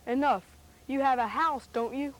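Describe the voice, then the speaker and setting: A haughty Bible-era tax collector played by a woman, with a high-pitched voice. He declaims pompously, every bit the greedy official and self-satisfied man of the house. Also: moderate pace, close to an everyday voice. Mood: stern, demanding.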